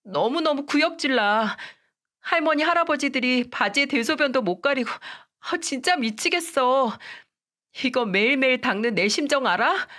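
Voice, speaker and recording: A woman's voice: sits high, animated, moderate pace, fairly bright tone, pitched above the performer's own voice. A woman voicing a young daughter-in-law in a radio story, pleading and begging.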